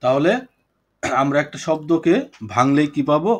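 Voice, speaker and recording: A man's voice: on the high side, steady tone, normal speed. A man teaching a poetry class over a video call, explaining points patiently, repeating them and asking his students questions. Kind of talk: online class lecture.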